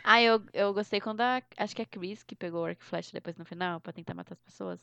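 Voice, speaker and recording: A woman's voice: medium pitch, quick pace, creaky, a bit bright, dry recording. A woman, co-hosting a casual chat, chatty, telling anecdotes and laughing easily. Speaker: podcast co-host. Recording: dull lo-fi sound with faint music.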